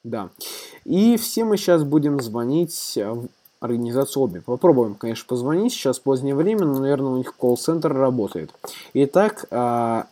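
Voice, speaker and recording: A man hosting a casual, improvised introduction, addressing listeners in a halting way. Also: medium pitch, animated, warm tone. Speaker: host of prank call recording.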